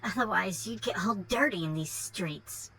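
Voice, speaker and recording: A woman's voice: mid-range voice, normal speed, pushed and bright, slight background noise, rough recording. A woman voicing a young, vain rich girl in a game, with a bubbly, snobby sorority-girl manner and a Valley Girl accent. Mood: smug. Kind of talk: game character dialogue read.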